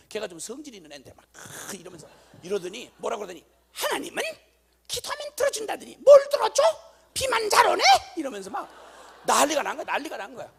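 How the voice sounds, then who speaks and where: A middle-aged man, a missionary preacher, telling a testimony in a sermon with lively, animated storytelling. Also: sits high, creaky. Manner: animated storytelling, acting out voices, rising to shouts.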